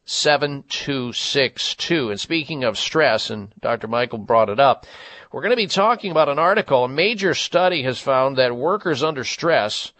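A man's voice: mid-range voice, animated, moderate pace, a bit bright, no room sound. American male talk radio host, dry sound. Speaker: radio health show host.

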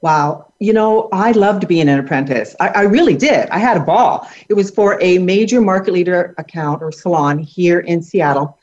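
A woman's voice: fairly low pitch, normal speed, hardly any pauses, a little mellow. A middle-aged woman answering as an interview guest, upbeat and laughing lightly as she talks. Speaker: guest, hair educator. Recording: dull lo-fi audio.

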